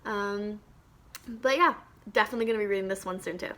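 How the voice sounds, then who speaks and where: A woman's voice: mid-range voice, a little fast, sharp tone. A young woman talking to the camera about her favorite books, chatty and enthusiastic with lots of ums and little laughs. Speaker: book vlogger. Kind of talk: casual book recommendation vlog.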